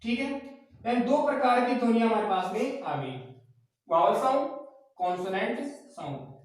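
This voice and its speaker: A man's voice: high voice, lively intonation, normal speed. A man teaching a class who asks his own questions, answers them, and repeats each key point. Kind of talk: classroom lecture. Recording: very echoey room, mic far off.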